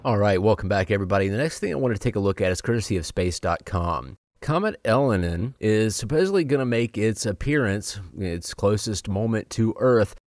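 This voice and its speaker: A man's voice: fairly low pitch, expressive, fairly quick, few pauses, darkish tone. A man hosting a casual talk show, speaking conversationally and straight to his listeners. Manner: conversational, addresses listeners directly.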